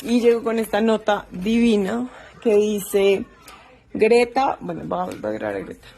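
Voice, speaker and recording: A woman's voice: medium pitch, expressive, measured pace, mellow. A woman, chatting casually to her viewers in a vlog and doting on her dogs in baby talk. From Colombia. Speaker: dog rescuer vlogger.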